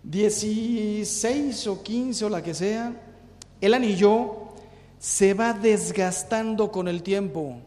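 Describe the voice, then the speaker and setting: A priest in his fifties giving a humorous talk on marriage, a lively storyteller. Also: high voice, slow, big-room sound. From Mexico. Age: 50s. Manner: lively storyteller who acts out jokes.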